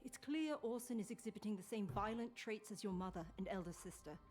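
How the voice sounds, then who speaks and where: Actress as calm reassuring woman in a game drama, mellow voice, music underneath. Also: mid-range voice, brisk, close to an everyday voice. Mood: firm, reassuring. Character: calm, reassuring woman offering help to a troubled mother. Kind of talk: video game drama acting.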